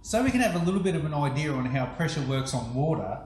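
A man's voice: on the high side, sing-song, quick pace, a little mellow, poor audio. A middle-aged Australian man who hosts a fishing show, explaining things plainly and matter-of-factly while standing in a kitchen. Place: kitchen indoors.

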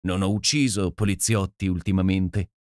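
A man's voice: low voice, fairly even intonation, normal speed, no room sound, clean studio sound, lightly acted. A man reading an audiobook and voicing a cheeky young socialist journalist with a wry, gaily mocking manner. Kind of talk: audiobook character voice.

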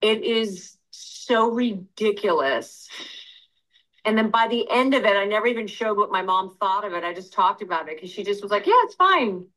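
A woman talking casually on a podcast in a chatty, rambling way, with laughing asides. Her voice sits in the middle of the range but sounds bright and forceful. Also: mid-range voice, moderate pace, poor audio.

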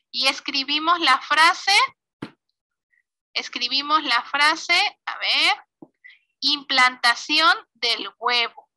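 A woman's voice: high-pitched, sharp tone. A woman with a Mexican Spanish accent teaching an online computer class, walking through each step patiently and checking in often. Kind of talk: online class screen demonstration.

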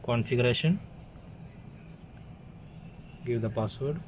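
This man speaks slowly in a mid-range voice with a darkish tone, walking through a tech demo one plain, short step at a time. He's a tutorial presenter working indoors at an equipment workbench. The handheld phone recording picks up a clearly noisy room.

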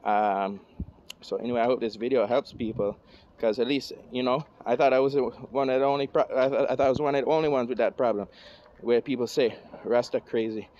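A man's voice: mid-range voice, fairly even intonation, brisk, darkish tone, muffled recording. A young man talking in Rasta speech to camera, reasoning informally with insistent, preacher-like repetition. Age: young adult. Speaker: vlogger. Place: outdoors under open sky and trees. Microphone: phone held at arm's length. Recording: distant phone recording with outdoor noise.

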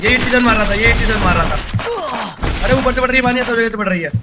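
Casting: young Indian male streamer, higher-pitched voice, gunfire noise behind. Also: racing. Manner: shouts callouts, thanks subscribers in a mumble. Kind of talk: live gameplay chat with squad.

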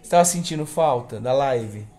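A young Brazilian man hosts a home live stream. He chats casually and teases, in a voice of medium pitch. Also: animated, normal speed, mellow, soft background music. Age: young adult. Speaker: grandson hosting a live stream. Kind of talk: casual teasing chat. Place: living room.

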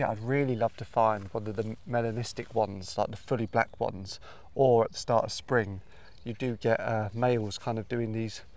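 Wildlife vlogger: British man, thirties, casual chat to camera, mid-pitched, clear outdoor background noise with birdsong. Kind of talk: casual vlog chat to camera while out walking. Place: outdoors on heathland and in open woodland.

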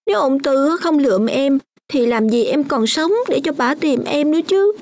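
A young orphan girl in a radio play, her voice pitched high. She speaks with stubborn, hurt insistence. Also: expressive, normal speed, a little mellow. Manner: sulky, tearful insistence. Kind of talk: radio drama acting.

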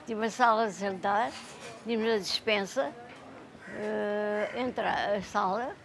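Older woman, gravelly, animated and halting interviewee in a noisy courtyard. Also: mid-range voice. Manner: animated storytelling, halting restarts. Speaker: former resident. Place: outdoor courtyard. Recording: noisy outdoor ambience.

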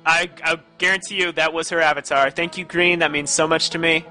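A man's voice: a little high, flat delivery, a little fast, bright, forceful tone, soft background music. A young man casting an online game match live, joking and bantering with his co-casters. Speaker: esports caster. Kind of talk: live esports commentary wrap-up.

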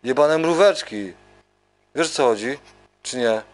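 A man's voice: medium pitch, lively intonation, slow pace. A man ranting in a loose, rambling way, repeating himself and swearing constantly. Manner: rambling, repetitive, heavy swearing. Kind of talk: profane rambling rant and freestyle rap. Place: recording studio.

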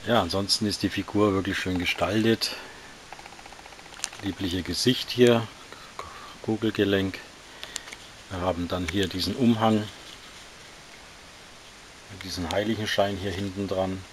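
A man casually reviewing action figures, talking in a relaxed, slightly halting way while he handles them. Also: deep voice, a little hiss or hum.

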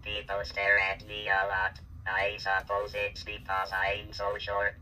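A synthesized male voice plays a small, polite, earnest robot pet, speaking in a stilted, flat monotone like a vintage robot speech synthesizer. It's lowish and a little slow, captured in a distant, noisy workshop recording.

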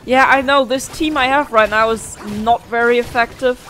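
A woman's voice: fairly high pitch, fairly even intonation, moderate pace, fairly bright tone, soft background music. Rambling young woman gamer. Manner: rambling, reactive. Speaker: gaming let's player. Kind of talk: casual playthrough commentary.

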